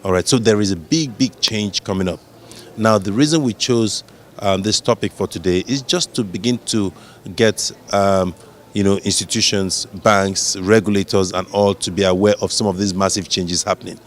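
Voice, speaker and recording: A man's voice: on the low side, moderate pace. A man who explains the reasons behind a conference in an interview, with some restarts. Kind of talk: interview answers.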